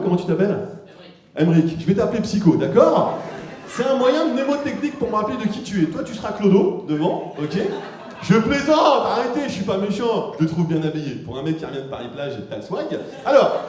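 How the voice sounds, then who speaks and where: Teasing stage comedian in an echoing hall. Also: male voice, high voice, sing-song, darkish tone. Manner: teasing, joking, quick-witted crowd work. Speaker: stage comedian doing a mentalist act. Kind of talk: live stage banter with the audience. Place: stage in a hall before a live audience. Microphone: handheld microphone. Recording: very echoey hall, live from the stage.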